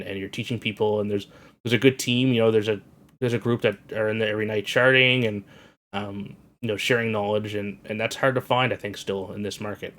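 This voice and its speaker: A man's voice: fairly low pitch, fairly bright tone. A man chatting casually about trading, agreeable, often stopping and repeating words. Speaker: student guest. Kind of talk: casual chat.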